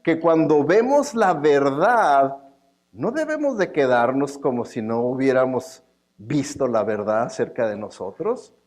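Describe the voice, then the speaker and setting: A man's voice: mid-range voice, big pitch swings, unhurried, darkish tone. A man preaching a sermon in a conversational way, with joking asides, often checking in with the congregation. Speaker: pastor.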